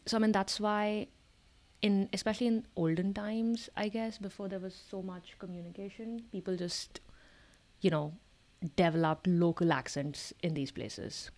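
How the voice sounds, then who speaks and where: A woman's voice: on the low side, darkish tone. A woman in a casual discussion, explaining things and often checking that the listener follows.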